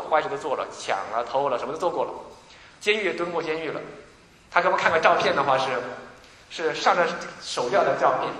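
A man preaching a sermon, telling stories in an animated way, with many restarts and repeated words. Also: a little high, echoey room, long reverb tail, rough recording. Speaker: pastor.

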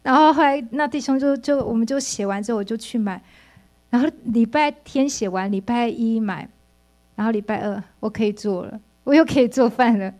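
Woman, middle-aged, fairly high voice, earnest faith testimony, halting restarts. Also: a little mellow. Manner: earnest, emotional, frequent restarts. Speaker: church member giving testimony.

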